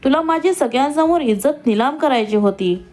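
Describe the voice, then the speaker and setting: Woman doing a mean young villain lady, sneery and sharp, bit higher than her normal voice. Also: animated, moderate pace, faint music behind. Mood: angry. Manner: taunting, sneering. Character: scheming vengeful young woman escaped from jail.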